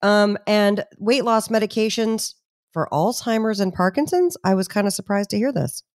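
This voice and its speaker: A woman's voice: medium pitch, moderate pace, darkish tone. A woman co-hosting a podcast in casual, chatty talk. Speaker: podcast co-host. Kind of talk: casual chat.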